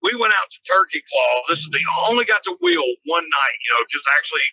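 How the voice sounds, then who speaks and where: Raspy, forceful man telling stories. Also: fairly high pitch, fast talker, no echo, muffled recording. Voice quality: harsh, raspy voice. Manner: animated, slangy, swearing. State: hoarse from desert dust. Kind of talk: casual storytelling chat.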